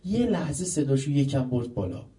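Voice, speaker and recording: A man giving a religious sermon, putting rhetorical questions to his listeners and swinging between loud emphasis and quiet asides. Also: mid-range voice, lively intonation, recorded from a distance, rough recording. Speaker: preacher.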